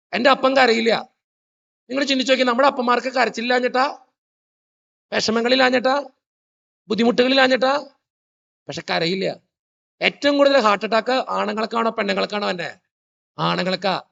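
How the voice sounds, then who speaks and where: A man's voice: sits high, gravelly, a bit bright, dull audio. A man, a priest giving a humorous motivational talk in church, telling family stories and quizzing the audience. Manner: storytelling, joking, quizzing the audience. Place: church hall.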